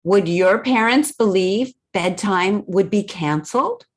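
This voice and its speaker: At a children's storytime, a woman reads aloud from a picture book, her medium-pitched voice expressive and measured. She keeps the words simple and breaks off to quiz her young audience.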